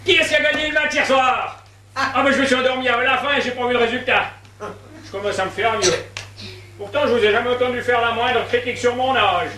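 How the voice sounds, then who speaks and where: A rambling, half-deaf old husband, played by a man in a stage comedy, his voice pitched very high. He mishears and misunderstands everything. Heard from far off on an echoey stage, with noise behind. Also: brisk, sharp tone. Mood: puzzled. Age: older. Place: theatre stage.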